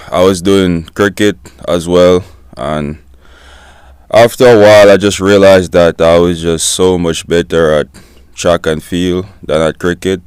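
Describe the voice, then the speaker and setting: A Jamaican man in his twenties, a student-athlete guest giving short, soft-spoken answers in a casual interview. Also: very deep voice, clean tone, no room sound, studio quality. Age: 20s.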